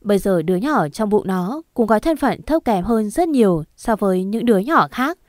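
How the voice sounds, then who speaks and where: A woman's voice: mid-range voice, lively intonation, normal speed, a little mellow, no echo, studio quality, close to an everyday voice. A woman voicing a grave old patriarch. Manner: grave, pronouncing judgement. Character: elderly family patriarch, grave and decisive.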